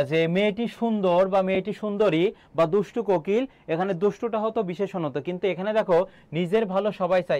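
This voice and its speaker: A man's voice: high voice, a little mellow, no room sound, dull audio. A young man teaching an online exam-prep class, quizzing students and repeating key answers, with frequent filler sounds.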